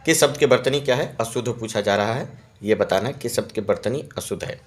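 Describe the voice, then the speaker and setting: A man's voice: mid-range voice, brisk. Man patiently explaining test answers. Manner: repeats key words and checks with "है ना". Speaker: Hindi exam-prep teacher.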